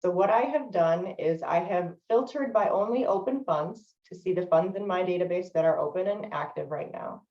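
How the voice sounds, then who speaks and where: A woman trainer walks through software steps in a webinar, with a steady explanatory delivery broken by frequent "um" fillers. Her voice sits a little low. She is heard from a distance over a video call, with a roomy echo and a dull, lo-fi sound. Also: moderate pace, hardly any pauses. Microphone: video call microphone.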